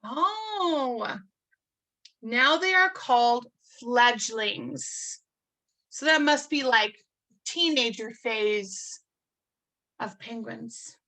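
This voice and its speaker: A woman reading a picture book aloud to children, marveling in a gentle, teacherly way and adding chatty asides to explain things. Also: on the high side, extremely slow, long pauses, poor audio. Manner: adds chatty explanatory asides between passages.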